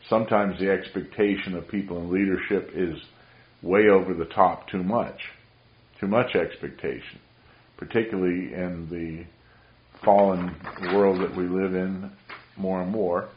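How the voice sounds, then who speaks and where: A man with a very low voice delivers a sermon in an earnest, rambling style, his carrying voice echoing through a roomy space. The recording sounds muffled and dull.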